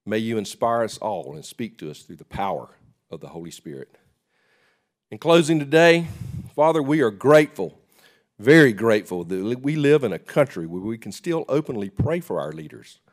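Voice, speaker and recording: Low-voiced man leading a solemn public prayer. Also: very animated. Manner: solemn, measured phrases that start strong and fall away. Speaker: state legislator leading prayer. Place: legislative chamber, at the podium.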